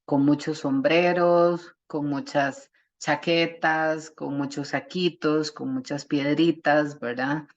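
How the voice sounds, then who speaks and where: Low-voiced woman leading a grief group. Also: steady tone, slow. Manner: folksy, fond of diminutives and homely images. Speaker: psychologist leading the session. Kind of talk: warm group facilitation. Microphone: video call. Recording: muffled video call audio.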